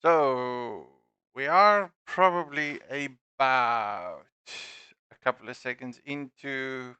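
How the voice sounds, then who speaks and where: A middle-aged man from South Africa with Dutch-accented English hosts a live sim racing stream as host and league admin, speaking from a desk in a home room through a gaming headset. He talks slowly and loosely, self-deprecating and full of fillers, in a medium-pitched voice that is sharp-toned and smooth. There's no echo, but the highs are cut off.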